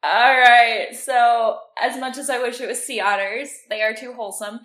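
A woman's voice: fairly high pitch, steady tone, moderate pace, a bit bright. Chatty woman podcast host, roomy sound. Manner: chatty, laughs often, explains facts. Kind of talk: casual chat. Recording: roomy echo.

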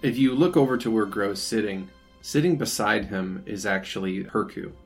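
A man's voice: lowish voice, moderate pace. A man narrating a tabletop role-playing game as game master. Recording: music playing behind the voice.

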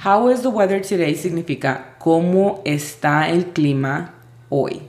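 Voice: medium pitch, slow, a little mellow. A language teacher giving a spoken lesson, patiently spelling out sounds letter by letter. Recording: roomy echo.

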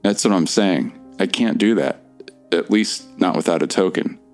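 A man's voice: low voice, normal speed, a little mellow. A man playing a nervous young traveler stranded between worlds, talking in a hesitant, earnest way. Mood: anxious. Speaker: voice actor in an audio drama. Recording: faint music underneath.

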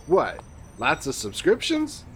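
Lively 1930s beat cop, New flatfoot. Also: male voice, on the high side, takes it slowly, a little hiss or hum, full character voice. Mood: puzzled. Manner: old-time beat cop slang. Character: flirty, dim 1950s New York working-stiff flatfoot assistant. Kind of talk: period radio comedy acting.

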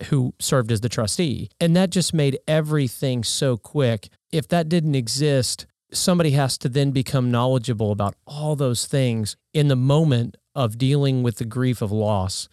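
A man's voice: medium pitch, moderate pace, hardly any pauses, darkish tone, dry recording. Earnest man in a dry, close recording. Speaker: financial advisor, podcast guest. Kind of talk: conversational advice.

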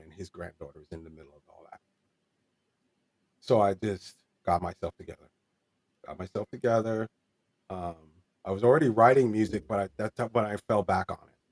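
A man in his forties telling a candid personal story in an interview, earnest and rambling, with many fillers and restarts. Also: fairly low pitch. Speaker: interview guest.

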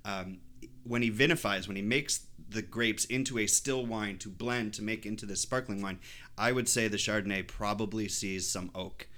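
A man's voice: fairly low pitch, moderate pace, bright, forceful tone. A man co-hosting a podcast, casually explaining a sparkling wine, laughing easily as he rambles. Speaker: podcast co-host. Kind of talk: casual wine-tasting chat.

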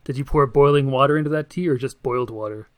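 A man's voice: mid-range voice, fast. A man hosting a podcast, chatting casually and joking with his co-hosts. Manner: playful, jokey banter. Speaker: podcast host.

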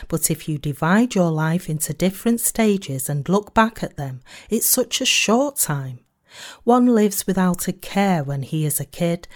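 A woman reading a sermon aloud in a measured, earnest way, slowing down on key phrases. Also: on the low side, darkish tone. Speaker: sermon reader.

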